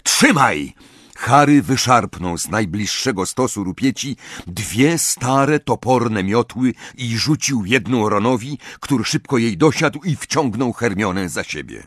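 A man's voice: mid-range voice, expressive, measured pace, hardly any pauses, no echo. A man narrating an audiobook with dramatic, varied storytelling. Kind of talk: expressive audiobook reading.

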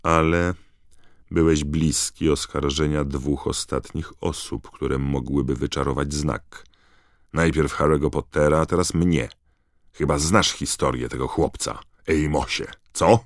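A man's voice: extremely low pitch, fairly even intonation, measured pace, dry recording, clean studio sound. A man voicing a cold, proud older ministry official in an audiobook, clipped and icy. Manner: icy, clipped, then shouting. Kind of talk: audiobook character voice.

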